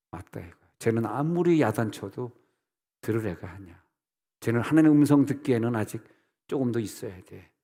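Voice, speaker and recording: A man pastor preaching a revival sermon, telling stories and acting out the voices of church members. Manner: animated storytelling, mimics church members in high voices. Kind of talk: revival sermon with acted-out dialogue. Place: church sanctuary. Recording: long church hall reverb.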